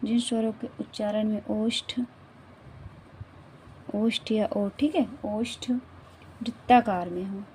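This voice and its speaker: A woman's voice: medium pitch, fairly even intonation, takes it slowly, pauses often, darkish tone, a little hiss or hum. A woman teaching a grammar lesson, repeating herself and often checking that the class follows. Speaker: Hindi teacher.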